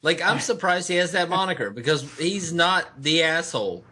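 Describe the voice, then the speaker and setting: A man's voice: on the high side, lively intonation, moderate pace, sharp tone, slight background noise. A man in a casual online group chat, bantering and joking crudely. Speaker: podcast guest.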